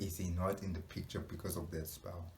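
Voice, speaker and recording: A man hosting a reaction video, musing out loud with rhetorical questions and laughs. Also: low voice, flat delivery, brisk, a little hiss or hum. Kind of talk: casual reaction commentary.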